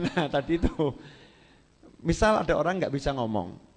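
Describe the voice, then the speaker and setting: Javanese guy preaching, high voice, jokey and animated, long echo like a big hall. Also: moderate pace. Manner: lively, joking, acts out quoted voices. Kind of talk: sermon.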